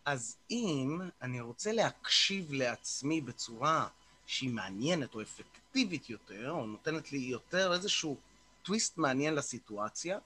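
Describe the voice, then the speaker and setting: A man hosting a morning online group session on a video call, talking informally in a coaching style and leading a short guided meditation. He often repeats words and fills pauses with "uh.". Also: mid-range voice, bright, forceful tone.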